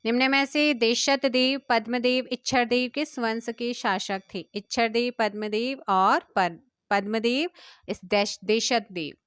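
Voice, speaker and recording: A woman teacher with an Indian Hindi accent reads through exam questions at a brisk pace and keeps pressing her viewers for answers. Her voice sits a little high and sounds smooth and clear. The recording is close and dry, with no room sound. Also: fairly even intonation, a bit bright, no echo. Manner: brisk, quizzing viewers and urging them to comment. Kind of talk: quiz-style exam prep lesson.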